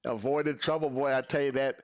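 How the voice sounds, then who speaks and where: A man's voice: medium pitch, steady tone, dry recording, clean studio sound. A man hosting a sim racing broadcast, talking in a folksy way full of fillers as he reads out results. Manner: folksy, many "uh" fillers, drawn-out phrasing. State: out of breath. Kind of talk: post-race interviews and results.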